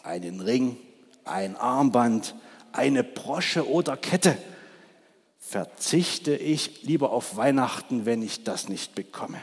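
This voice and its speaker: A greedy magpie, put on by a man, grabby and insistent, with a husky tone and slow delivery. The voice carries through a large church with long reverb. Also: medium pitch, expressive, heavily acted.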